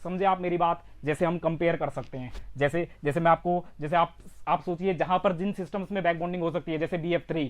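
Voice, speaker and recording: A man's voice: on the high side, steady tone, quick pace. A male chemistry teacher giving an online exam-prep lecture with lots of energy, repeating phrases and prodding his students to answer. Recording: slightly dull lo-fi recording.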